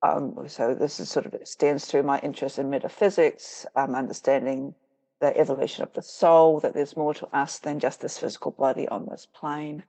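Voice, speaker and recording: Her voice sits low, steady and warm at normal speed, in a low-quality recording. The speaker is a middle-aged woman from rural New Zealand, a witch and author with a New Zealand accent, appearing as a guest in a conversational interview and telling her story in a reflective, easygoing manner with easy laughter.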